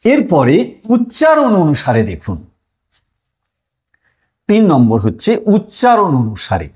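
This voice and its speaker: A man's voice: on the high side, wildly swooping pitch, measured pace, darkish tone. A man teaching a lesson online, explaining step by step, drawing out sounds and asking listeners questions.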